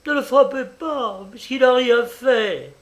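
A man voicing a fierce, desperate old peasant mother who pleads for her son in a high, shrill voice. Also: expressive, slow, a little mellow, exaggerated voice. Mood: pleading.

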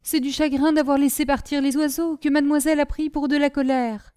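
A devoted sister, gentle and protective, speaking tenderly and pleadingly, as a woman reader gives her voice. The voice is mellow and slightly high, recorded close and dry in a storybook reading. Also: steady tone, fairly quick, no room sound, lightly acted.

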